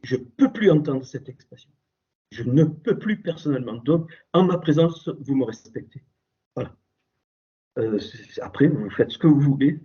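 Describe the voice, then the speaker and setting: A man's voice: mid-range voice, animated, moderate pace, husky. A man giving an emphatic spoken religious teaching as a Torah teacher over a computer call. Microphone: computer call microphone. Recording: dull lo-fi call audio.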